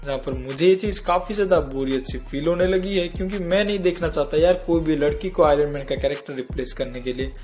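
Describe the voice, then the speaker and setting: A man's voice: on the high side, fast, few pauses, a little mellow. A man hosting a casual comic news roundup in speech, chatty and joking, talking straight to his viewers. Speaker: entertainment news host. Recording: faint music behind.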